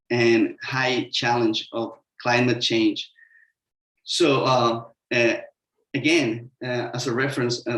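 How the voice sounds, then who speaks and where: This Mexican man, a Spanish speaker with a Mexican accent, is a sustainable construction consultant speaking as a panelist in an online webinar. His mid-range, fairly bright voice carries a hesitant, explanatory talk full of "uh" fillers, recorded in an echoey room.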